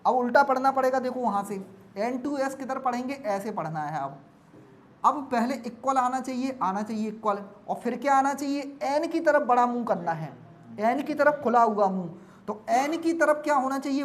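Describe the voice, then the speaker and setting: A woman's voice: fairly high pitch, slight background noise. A woman teaching exam reasoning on a board, repeating each step and often asking if it is understood. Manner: repeats steps, checks understanding with questions. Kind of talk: explaining on a board.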